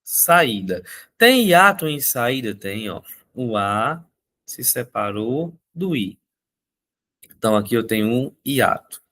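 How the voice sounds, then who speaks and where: Energetic male teacher. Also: mid-range voice, slow. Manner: energetic, repeats key points, asks viewers questions. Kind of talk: exam-prep lesson.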